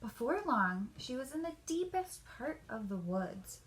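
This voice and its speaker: A woman reading a children's story aloud in an expressive, deliberate storyteller's manner. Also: high voice, poor audio.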